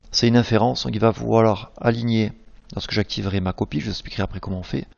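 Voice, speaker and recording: A man teaching a screen-recorded software tutorial, patiently explaining each click step by step. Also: fairly low pitch, gravelly, dull audio.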